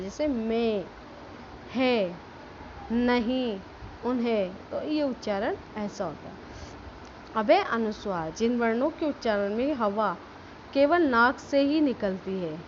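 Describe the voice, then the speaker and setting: A woman school teacher explaining a grammar lesson step by step, stressing example words slowly and checking that students follow. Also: sits high, highs cut off, slight background noise. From India.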